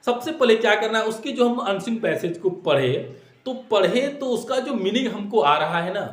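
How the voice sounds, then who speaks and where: In an echoey room, a man with a high-pitched voice shares exam tips, animated and at a moderate pace. Like a classroom teacher, he goes over points again, poses rhetorical questions, and slips in English phrases.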